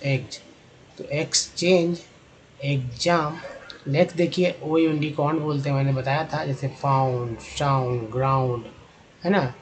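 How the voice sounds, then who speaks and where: A man teaching English spelling patterns in a slow, repetitive lesson, drawing out each word to demonstrate its sound. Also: medium pitch, low-quality recording. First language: Hindi.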